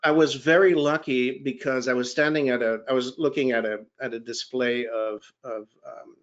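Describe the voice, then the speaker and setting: A man's voice: mid-range voice, fairly even intonation, normal speed, muffled recording. A man telling long career stories as a panelist in a discussion, with many restarts and a self-deprecating tone. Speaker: gemology writer and panelist. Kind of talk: anecdotal career storytelling.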